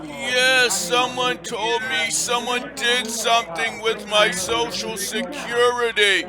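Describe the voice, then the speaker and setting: A man's voice: very high voice, level tone, over loud music. A man playing a frail eighty-eight-year-old man on a prank phone call, stretching every word out. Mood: slow. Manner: stretches his words slowly. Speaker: scam baiter. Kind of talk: prank call role-play.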